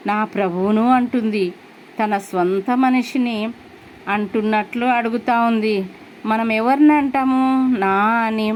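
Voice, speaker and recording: A woman's voice: on the high side, a little hiss or hum. A woman preaching a sermon in an earnest way, asking her listeners questions as she goes.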